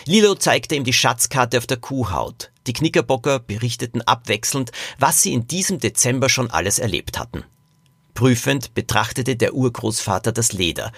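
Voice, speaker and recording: A man reading his own children's story aloud as narrator, expressive and animated. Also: medium pitch, normal speed, no room sound, studio quality.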